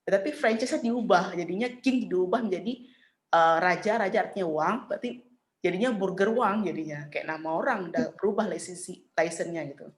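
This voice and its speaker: A middle-aged woman leads a language class in a fairly low voice. She is chatty and patient, and she drags out the words she models. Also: fairly quick. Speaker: Mandarin teacher. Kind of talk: online class teaching.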